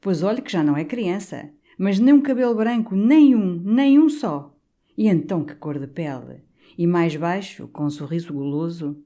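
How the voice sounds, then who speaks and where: A man's voice: high-pitched, normal speed. A woman doing a jovial gossipy old canon. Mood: animated, confiding. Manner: animated, confiding, doting. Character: jovial portly older male canon, gossipy.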